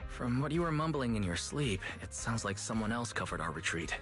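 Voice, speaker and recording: A man voicing a calm, considerate young male proxy in a game cutscene, gentle in manner. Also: medium pitch, brisk. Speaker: game protagonist. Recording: game cutscene voice over music.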